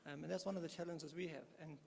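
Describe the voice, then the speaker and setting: A gravelly man from Natal speaks into a handheld mic at a conference, halting and full of fillers. His voice sits a little high for a man. The hall answers with a long reverb and faint ambient noise. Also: fairly even intonation. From South Africa, KwaZulu-Natal. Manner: hesitant, many fillers and restarts. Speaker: hospital developer in audience. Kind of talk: audience question at panel. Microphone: handheld audience microphone.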